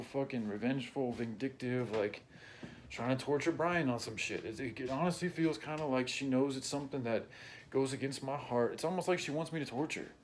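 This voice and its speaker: A man in an unscripted personal rant, blunt and heavily profane, close to tears and often clearing his throat. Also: mid-range voice, a little hiss or hum. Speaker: vlogger.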